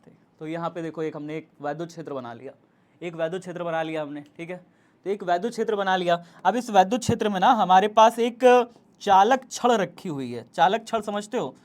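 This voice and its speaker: A young man lecturing a physics class. His voice sits high for a man. He repeats each step and coaxes the students along. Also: brisk. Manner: repetitive, coaxing, urging students to hurry. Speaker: physics teacher.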